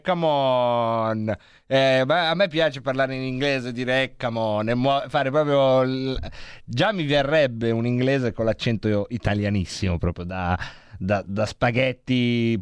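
A man runs a radio show and rambles through a playful, jokey monologue into a studio microphone. His voice sits a little high for a man and sounds smooth and resonant. The sound is close and dry. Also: no echo. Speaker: radio host.

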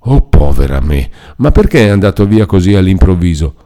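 A man's voice: low-pitched, big pitch swings, brisk, warm tone. A man reading aloud and voicing a distressed middle-aged peasant mother who pleads anxiously, close to tears.

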